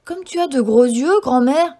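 A sweet, trusting little girl from a storybook, speaking brightly and eagerly. A woman narrator plays her, lifting her voice well above her usual reading pitch. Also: normal speed, lightly acted. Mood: puzzled.

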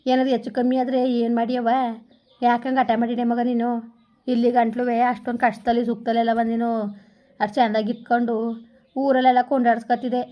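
A worried village mother, played by a woman coaxes and reproaches. Her voice stays flat and level, pitched a little high, and she talks quickly. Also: muffled recording, natural voice. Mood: coaxing. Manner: coaxing, reproachful. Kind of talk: village comedy skit.

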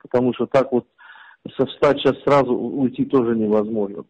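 A man's voice: medium pitch, fairly even intonation, brisk, a little mellow. A man on a recorded private phone call, often agreeing and talking through his worries. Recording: muffled leaked phone recording.

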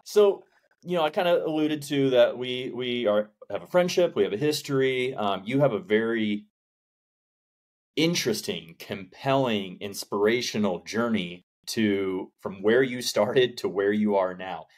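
A man in his late thirties hosting a podcast interview, talking in a relaxed, conversational way with many fillers, recorded on a studio mic at home. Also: mid-range voice, measured pace. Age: 30s. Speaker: podcast host. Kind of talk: casual interview. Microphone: large studio condenser mic in frame.

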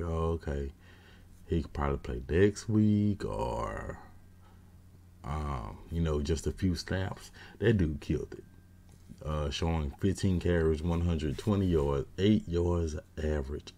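A man in his thirties giving casual, opinionated postgame football commentary from a small room at home on a webcam, with lots of slang and fillers. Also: sits low. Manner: opinionated, gets loud and exasperated when ranting. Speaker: sports fan commentator.

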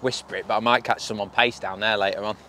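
A man's voice: lowish voice, steady tone, fast, bright, forceful tone. A man presenting a casual fishing vlog outdoors, talking viewers through the venue with chatty enthusiasm. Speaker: fishing vlogger. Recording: outdoor recording with clear background noise.

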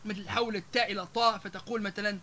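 Lecturing a live audience, a Libyan Arabic-accented man talks at a rapid clip in a high, bright, steady-toned voice. He lists example words in quick succession, interrupted by long "aah" fillers, with faint room noise in the background.

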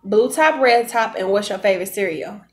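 A woman's voice: mid-range voice, fairly quick. A young American woman chatting casually and familiarly to viewers while eating cereal in her kitchen, recorded on a phone. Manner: folksy, addressing viewers familiarly. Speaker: vlogger. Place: home kitchen. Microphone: phone propped at arm's length.

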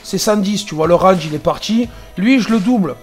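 A man's voice: high voice, lively intonation, normal speed, faint music behind. A man, a truck driver, commenting casually and sarcastically on dashcam clips, exasperated at other drivers.

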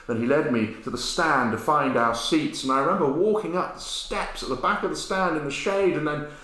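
A man in his fifties preaching a sermon, animated storytelling that swings between loud and hushed, recorded indoors in a bare room by a camera at medium distance. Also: fairly high pitch, fairly quick. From England. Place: bare-walled room indoors, with a sign language interpreter beside him. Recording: very echoey room.

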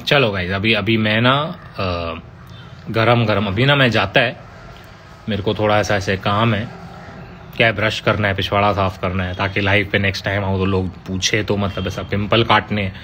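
A man's voice: fairly low pitch, steady tone, moderate pace, sharp tone, a little hiss or hum. A man, chatting casually on a live stream and answering fan comments with teasing, playful banter.

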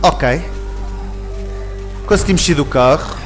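A man with a European Portuguese accent commentating a video game, excitable and full of slangy exclamations. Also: fairly high pitch, slow pace. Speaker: gaming commentator. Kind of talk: let's play commentary. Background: game music and sound.

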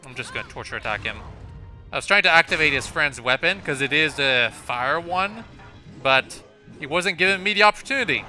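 A young let's play commentator with a fairly high, animated, bright and forceful voice talks briskly. His casual gameplay commentary rambles, and he often restarts and corrects his sentences, filling gaps with "uh" and "like," as game music plays behind.

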